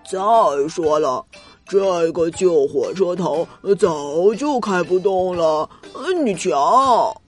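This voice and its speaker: A woman's voice: lowish voice, animated, pitched below the performer's own voice. A woman voicing a bumbling old male inventor who hesitates with "er" in a children's storybook reading, with music behind. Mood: calm. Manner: slow, hesitant, full of "er".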